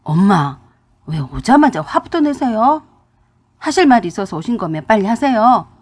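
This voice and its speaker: A woman's voice: medium pitch, big pitch swings, normal speed. A woman voicing a young husband who argues defensively with his mother, in a radio drama reading. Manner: pleading, defensive complaining.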